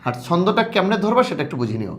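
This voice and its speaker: A man teaching a grammar lesson to students, repeating terms slowly and asking them questions. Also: sits high, big pitch swings. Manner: drawn-out repetition of words for students.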